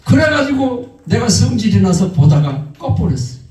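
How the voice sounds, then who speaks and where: A male pastor with a high-sitting voice speaks at a normal speed, sharing a testimony during a sermon and animatedly acting out the people in his story. He's in a church sanctuary, and the recording is echoey, with the mic placed far off in the hall.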